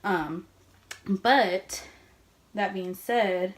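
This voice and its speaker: A young woman in her mid-twenties talks casually to camera while doing her makeup in her childhood bedroom. She sounds slightly out of breath and rambles loosely, filling pauses with fillers. Her voice sits at an ordinary middle pitch for a woman. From Texas, USA. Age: 20s. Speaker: beauty vlogger. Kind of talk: get-ready-with-me vlog chat. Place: her old bedroom at home.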